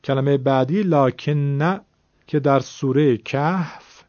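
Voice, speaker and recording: A man's voice: medium pitch, a little mellow, dry recording. A man teaching a recitation lesson, explaining the rules patiently and repeating words so learners can follow. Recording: dull lo-fi sound.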